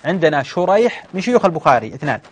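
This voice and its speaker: Male lecturer, fairly high pitch, patient explaining style, frequent restarts and filler sounds, keeps asking if it's clear. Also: big pitch swings, racing. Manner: explains patiently, often checks understanding with "clear?". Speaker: teacher of hadith sciences. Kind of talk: classroom lecture.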